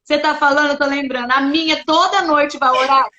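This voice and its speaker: Female interviewer, high and crisp, echoey room. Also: fairly even intonation, fairly quick, sharp tone, highs cut off. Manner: brief encouraging interjections. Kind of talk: casual interview.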